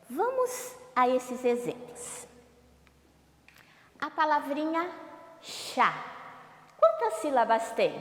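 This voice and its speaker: Woman teacher, slow and lively-pitched, asks and answers her own questions; long room reverb. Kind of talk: remote televised class lesson.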